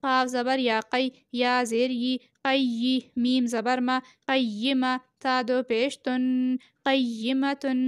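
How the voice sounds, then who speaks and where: A woman teaching Quran reading, spelling out each syllable slowly and then joining them. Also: sits high, clean tone, dry recording, clean studio sound. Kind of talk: slow spelled-out recitation lesson.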